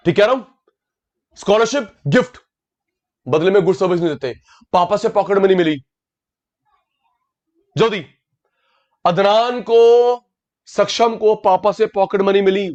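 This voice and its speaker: A man's voice: high-pitched, a little mellow, dull audio. A man teaching an online class, calling on students by name, repeating key words and mixing English terms into his talk. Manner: mixes English terms into Hindi.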